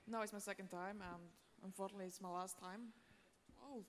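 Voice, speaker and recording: A young chef from northern Norway at a cooking event, giving plain, brief answers. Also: female voice, mid-range voice, flat delivery, fast. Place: large convention hall. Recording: hall reverb, faint ambience.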